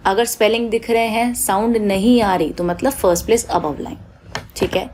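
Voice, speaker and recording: A woman's voice: medium pitch, normal speed, darkish tone, slight background noise. A woman teaching shorthand on a shared screen, patient, repeating each rule and drawing out vowel sounds in her examples. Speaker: stenography teacher.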